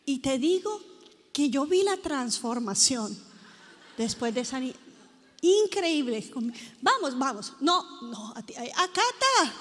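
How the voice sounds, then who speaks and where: A woman pastor preaching at a conference, telling stories with lively, acted-out quotes. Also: high voice, takes it slowly. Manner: lively storytelling, acting out quoted people. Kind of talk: sermon. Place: conference hall before a live audience. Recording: echoey conference hall.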